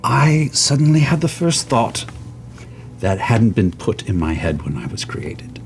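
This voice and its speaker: A man voicing a theatrical being who was made for a play, lower in pitch and unhurried in delivery. He talks in earnest, halting confessions during a tabletop game. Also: very animated. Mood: tender, yearning. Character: created male stage character, wistful and theatrical. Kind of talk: tabletop role-play in character.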